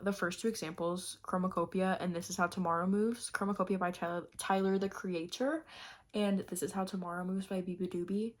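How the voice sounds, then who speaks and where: Gushing young woman rambling about favorites. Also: medium pitch. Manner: gushing, rambling, lots of fillers. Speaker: vlogger. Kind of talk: casual year-favorites chat.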